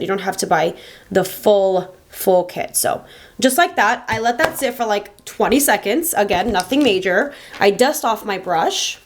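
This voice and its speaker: Chatty young woman giving a makeup tutorial. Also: medium pitch. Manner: chatty, emphatic, repeats words for stress. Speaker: beauty vlogger. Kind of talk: casual makeup tutorial, talking to camera. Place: small indoor home filming setup.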